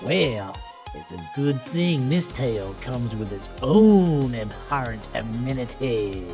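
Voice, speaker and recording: A man's voice: medium pitch, sing-song, takes it slowly, mellow, faint music behind. A man playing a gleeful, menacing horror-host uncle in an audio drama, with a hammy, folksy drawl. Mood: mock-friendly menace. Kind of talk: theatrical 80s horror-host introduction.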